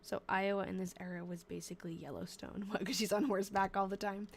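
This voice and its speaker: Fast and fairly flat in intonation, with vocal fry in her mid-range voice, a twenty-something livestream host reads short lines from old diaries between casual comments. She has a stuffy nose and a fading voice, and she chats freely, breaking off mid-sentence.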